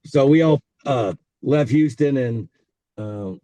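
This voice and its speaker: A Texan man from the south of the state talks on a car speakerphone while driving, telling relaxed stories as an interview guest who owns racehorses. His mid-range voice is slow and mellow, rambling with frequent fillers; there's no echo and the highs are cut off.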